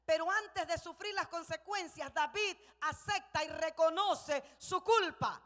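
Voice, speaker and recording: A woman pastor preaching a sermon, telling the story with passion and rising to shouts. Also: very high-pitched, measured pace. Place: church sanctuary. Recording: long church hall reverb.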